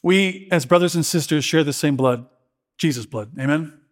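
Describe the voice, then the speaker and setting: Man, middle-aged, pastor, sermon, earnest, emotional, restarts often, slightly high voice. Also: moderate pace.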